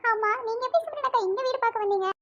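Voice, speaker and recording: Cartoon: woman voicing a cheeky young neighbour, very high squeaky voice, fast and teasing. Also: muffled recording. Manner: teasing, giggly, sing-song.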